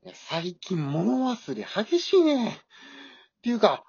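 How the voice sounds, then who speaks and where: A woman's voice: medium pitch, very animated, a little slow, vocal fry, darkish tone, husky, no echo, heavily acted. A woman voicing a timid, grumbling elderly husband with a Kansai accent in an amateur radio drama, whiny and easily scared. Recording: dull dry lo-fi recording.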